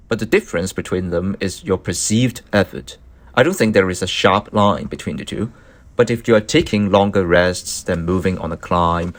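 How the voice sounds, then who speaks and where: Male vlog narrator, very low register, measured scholarly delivery, slight background noise. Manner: measured, wordy, academic phrasing. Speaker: running vlogger, narrator.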